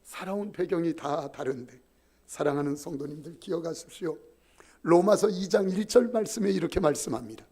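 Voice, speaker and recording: A man's voice: on the high side, a little fast, husky. A middle-aged male pastor giving a sermon in a church, telling stories and acting out the voices of the people in them. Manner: animated storytelling, acting out quoted voices. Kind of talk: sermon with acted-out anecdotes. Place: church sanctuary.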